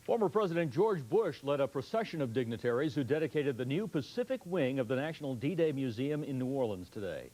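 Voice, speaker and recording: A man's voice: mid-range voice, sing-song, brisk, hardly any pauses, a little mellow, poor audio. A man anchoring a news broadcast, reading scripted stories.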